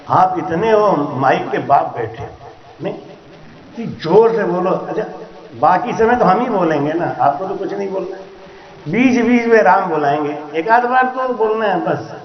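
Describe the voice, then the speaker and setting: A man singing devotional verses in long, drawn-out lines and preaching at a night gathering through a handheld mic. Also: high-pitched, echoey room, highs cut off. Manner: slow drawn-out singing, then quick lively preaching to a crowd. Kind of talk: devotional singing and satsang sermon. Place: night gathering before a crowd.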